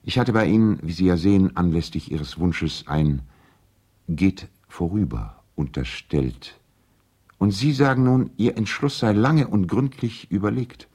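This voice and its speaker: In a radio play, a male actor voices a courteous, earnest lawyer who is also a family friend, reading letters aloud in formal, measured diction. His low voice is mellow and husky, expressive, and delivered as a full character voice.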